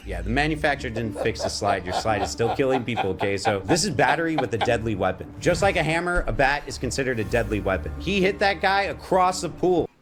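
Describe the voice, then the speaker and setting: This man talks over game clips as if reading out a legal case, weighing charges and prison terms in a mock-serious tone. His pitch rises and falls in lively swings. Music plays behind his voice. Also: fast, hardly any pauses. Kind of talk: reaction commentary.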